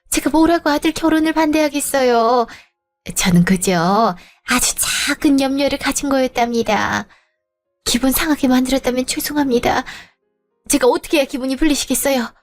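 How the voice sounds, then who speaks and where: A brazen, scheming middle-aged mother-in-law, voiced by a woman in a narrated story drama. Her voice sits a little high and turns pushy or fawning to get her way. Soft music plays underneath. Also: normal speed, natural voice. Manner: pushy, then groveling.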